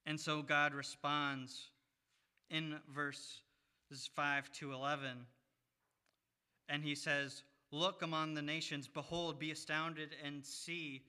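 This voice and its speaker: A man preaching a sermon, reading scripture in a measured way with pauses. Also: a little high, sharp tone, clear, resonant tone.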